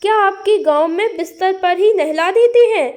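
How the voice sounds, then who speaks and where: A woman's voice: very high voice, normal speed, darkish tone. A woman voicing a pampered young city bride who answers her mother-in-law back. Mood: cheeky. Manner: cheeky, talks back.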